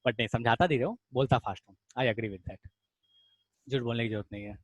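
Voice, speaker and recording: A man teaching an online chemistry revision class, talking quickly and casually and calling his students "beta". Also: medium pitch, dry recording. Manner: fast-talking, addresses students as beta, casual Hinglish asides.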